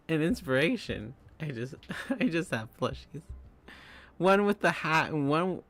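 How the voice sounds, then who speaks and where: A man's voice: a little high, fairly bright tone. A young man streaming live, chatting casually with viewers, giggling often and rambling through restarts.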